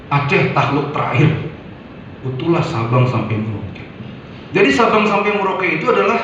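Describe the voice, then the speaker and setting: A man's voice: on the high side, fairly bright tone, slight background noise. Man lecturing in an echoey hall. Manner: storytelling, with sound effects and acted quotes. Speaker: preacher. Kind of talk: lecture to an audience. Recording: echoey hall, distant mic, muffled.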